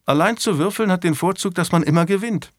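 A man's voice: high-pitched, a little fast, no echo, clean studio sound, pitched above the performer's own voice, close to an everyday voice. A man voicing a polite, earnest young male squire in an audiobook, speaking courteously and with worry. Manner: courteous, worried.

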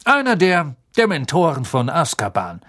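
A man voicing a calm, kindly male wizard teacher who speaks in a gentle, coaxing way in an audiobook. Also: on the high side, moderate pace, pitched above the performer's own voice, exaggerated voice. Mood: gentle, reassuring.

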